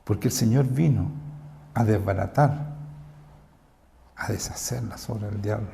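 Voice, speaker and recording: A man with a Chilean accent, a pastor preaching a sermon, firing rhetorical questions and swinging between loud and low delivery. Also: measured pace, gravelly. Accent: Chilean Spanish. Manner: emphatic, fires rhetorical questions at the congregation.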